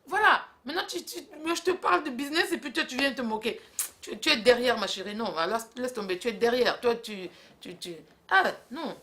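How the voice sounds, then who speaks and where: A young woman, her voice sitting a little high. She talks in quick comic exchanges, teasing her partner and breaking into laughter or scolding bursts. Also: fairly bright tone. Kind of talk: comic two-woman dialogue.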